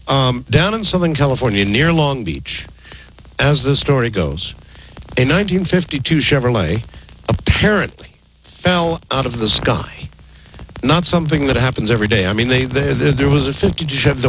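A man hosting a late-night call-in radio show, with a smooth, measured radio host delivery as he introduces callers and tells stories on air. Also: medium pitch, lively intonation, noisy background.

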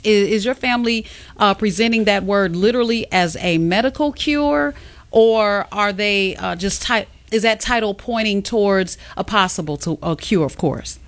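A woman with a middle-pitched voice co-hosts an interview. She asks her questions haltingly and fills her pauses with short sounds. Her speech stays conversational. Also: animated. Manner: halting, many fillers. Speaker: co-host.

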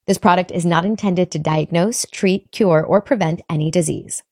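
A woman giving a clear, explanatory scripted ad read. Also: lowish voice, normal speed, a little mellow, a little hiss or hum. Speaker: ad reader.

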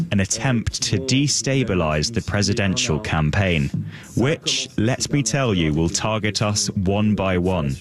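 Deep man as live interpreter voice. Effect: live interpreter voice over a news conference. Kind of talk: simultaneous interpreting in first person. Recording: news conference with crowd behind.

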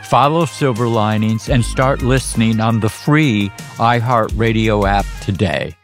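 Man, promo read, mid pitch, faint guitar music behind. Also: a little slow. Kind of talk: podcast promo.

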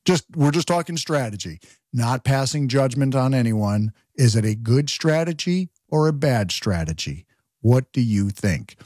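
Brief: male talk radio host, husky mid-pitched voice, sarcastic and chatty, dry close sound. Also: darkish tone, dry recording. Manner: conversational and sarcastic, asks listeners questions. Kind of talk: political talk radio commentary.

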